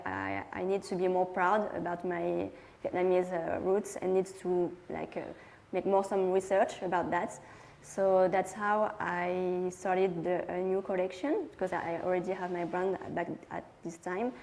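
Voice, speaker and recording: Mellow-voiced French woman, hesitant. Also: fairly low pitch, low-quality recording. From France. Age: young adult. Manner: hesitant, many fillers and restarts. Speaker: fashion designer. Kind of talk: interview answers.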